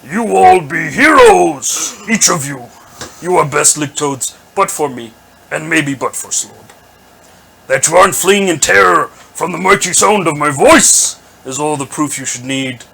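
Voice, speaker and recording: A man voicing a boastful male goblin chieftain who booms his orders in broken, grandiose grammar. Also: animated, unhurried, gravelly, bright, forceful tone, exaggerated voice, poor audio. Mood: commanding. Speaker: game master voicing a character.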